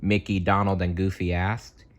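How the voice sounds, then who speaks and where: In a deep voice, a man acts out a children's storybook as he reads, unhurried and showy in his storytelling.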